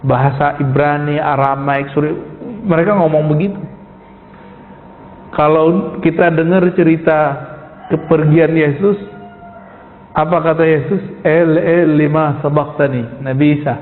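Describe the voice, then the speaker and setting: A man preaches in a high, bright voice, and his words ring out through a big echoing hall. The sound is thin and tinny, like a phone line. He keeps it casual, asking his listeners questions and addressing them directly. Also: fairly even intonation, unhurried, pauses often, a little hiss or hum. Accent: Indonesian. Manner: informal, addresses listeners as "Pak", asks rhetorical questions. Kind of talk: sermon.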